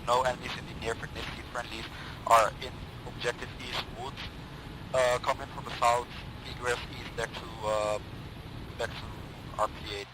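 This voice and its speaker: Man on noisy military radio, clipped calls. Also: mid-range voice. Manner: clipped, procedural phrasing. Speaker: ground radio operator in a military simulation game. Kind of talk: military radio procedure, briefing. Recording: noisy game radio with vehicle sound.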